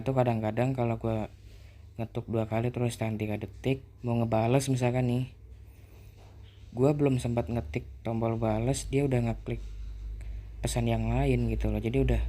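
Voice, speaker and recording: A man's voice: medium pitch, normal speed, long pauses. A man, chatting casually as a vlogger about his experiences with an app. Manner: relaxed, conversational explaining. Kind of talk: casual chat.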